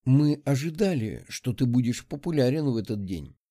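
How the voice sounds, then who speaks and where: A man's voice: mid-range voice, very animated, normal speed, warm tone. A man playing a wry young countess. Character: poised young female countess, dry and wry.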